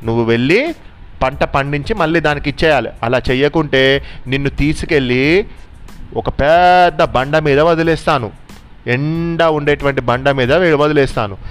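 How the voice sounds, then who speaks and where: A man's voice: fairly high pitch, moderate pace, soft background music, close to an everyday voice. A man voicing a stern, wise female owl in a spoken bedtime story, firm and scolding.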